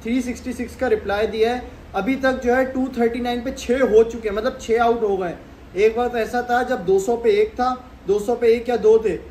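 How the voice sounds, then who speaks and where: High-voiced young man chatting cricket. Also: darkish tone. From Pakistan. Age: young adult. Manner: chatty, gestures a lot with his hands. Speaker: cricket vlogger. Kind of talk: casual cricket commentary to camera. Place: sitting on a sofa in a small room at home. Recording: echoey room with faint background hum.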